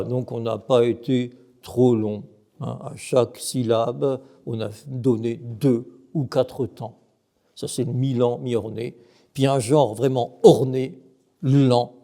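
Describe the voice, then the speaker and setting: This middle-aged monk speaks in a mid-range, dark-toned voice with vocal fry. His talk on Byzantine chant is emphatic and explanatory, broken up by brief sung examples and questions put to the audience.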